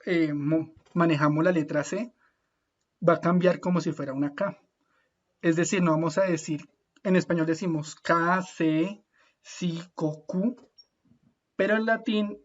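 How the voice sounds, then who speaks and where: A young man giving an informal online lecture. He is friendly and patient, often checks in with his listeners, and slows down to spell out Latin names. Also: high voice. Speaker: speaker at an online talk. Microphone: video call audio. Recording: muffled video call audio.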